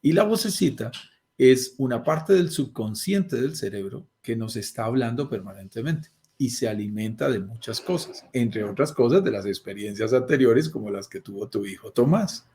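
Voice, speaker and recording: A man giving a lively motivational talk to a group, often acting out little quoted voices. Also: mid-range voice, moderate pace. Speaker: guest speaker. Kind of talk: motivational talk on a video call.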